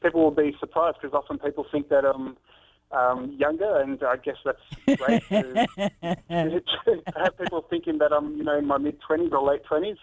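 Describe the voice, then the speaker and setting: A man in his thirties who writes about fitness and works as a trainer speaks earnestly during a phone-in interview, often saying "um" and starting sentences over. His voice is a little high, his pace is moderate, and the phone line sounds tinny.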